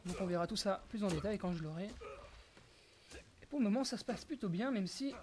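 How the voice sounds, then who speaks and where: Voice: medium pitch, fairly quick. A gaming commentator explains gameplay in a casual, explanatory way, stopping and restarting with fillers and self-corrections. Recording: steady background hiss.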